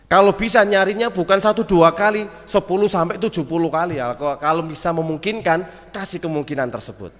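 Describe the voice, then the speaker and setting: With a Javanese accent and a high-sitting voice, a man gives a lively, casual study talk in a mosque hall, speaking fairly quickly with few pauses. He mixes Javanese and Arabic terms and acts out small everyday dialogues, all under long hall reverb.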